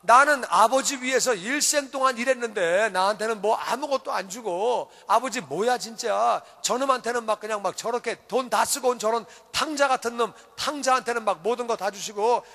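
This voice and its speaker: An angry older son from a parable shouts out his complaints, as a male preacher acts him out. The voice is high and forceful, and it echoes through a church hall. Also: rapid-fire, gravelly, hardly any pauses, heavily acted. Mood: complaining.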